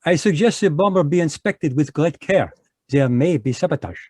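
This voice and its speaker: In an old-time radio play, a man voices a fussy, smug, middle-aged Belgian detective using a put-on French accent, pompous yet polite. His voice is on the high side, animated, and darkish at a moderate pace; the recording is dry and clean-sounding despite a video call microphone.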